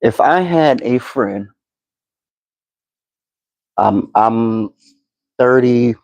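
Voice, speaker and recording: A man in his fifties, a podcast host giving slow, deliberate motivational advice, with frequent fillers and repeated words. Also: mid-range voice, lively intonation, darkish tone, dry recording, low-quality recording. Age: 50s. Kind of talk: motivational talk to camera.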